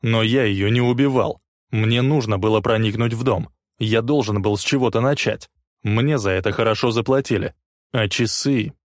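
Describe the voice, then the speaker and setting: A man voicing an angry, defiant male suspect who talks in a gruff, barking way. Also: medium pitch, slow pace, hardly any pauses, no echo, studio quality, pitched above the performer's own voice.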